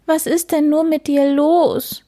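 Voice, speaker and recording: A woman voicing a loyal, emotional young hare in a storybook, with a high, pleading voice. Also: animated, measured pace, darkish tone.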